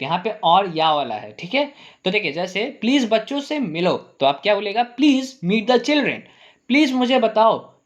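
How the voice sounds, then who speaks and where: A male English teacher explaining grammar, asking the class rhetorical questions and repeating "ठीक है?" while saying example sentences slowly. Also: high-pitched, muffled recording.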